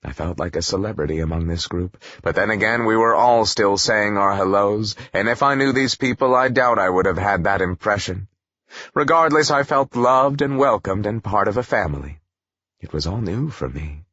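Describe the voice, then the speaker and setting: Male narrator, husky and lowish, wry and animated first-person reading. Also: normal speed, no room sound, highs cut off. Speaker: audiobook narrator.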